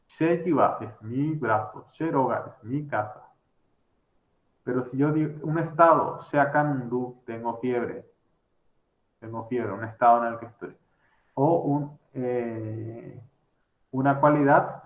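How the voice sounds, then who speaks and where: A man teaching grammar in an online class, explaining step by step with many fillers and restarts. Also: medium pitch. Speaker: language teacher. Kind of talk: online lecture. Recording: roomy echo.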